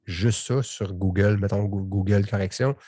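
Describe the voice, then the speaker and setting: A man with a Québécois French accent hosts a relaxed podcast interview, wandering through his thoughts with restarts. His voice sits low and a bit husky, in a dry, close recording. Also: moderate pace, no room sound. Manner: rambling, conversational, many restarts. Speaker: podcast host.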